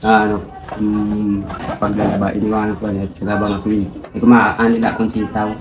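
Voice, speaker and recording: An older man, a father, answering questions outdoors at his home in a halting, soft-spoken way with many fillers. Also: on the low side, completely flat delivery, music in the background, low-quality recording. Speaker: father interviewed on a visit. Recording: outdoor ambience with birds.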